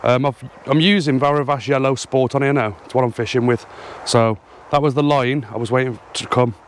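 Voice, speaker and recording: A man's voice: medium pitch, steady tone, a little fast, slight background noise. A man vlogging about fishing outdoors in a field, slightly out of breath, talking casually with frequent ums to an action camera. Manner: chatty, hesitant, lots of ums. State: a little out of breath.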